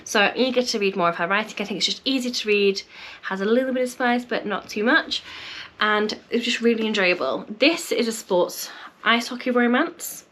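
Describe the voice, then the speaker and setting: A woman's voice: on the high side, brisk, a bit bright. A woman chatting casually to camera as a book vlogger, her voice a little nasal and congested from a cold, friendly and thinking aloud. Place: home room with bookshelves.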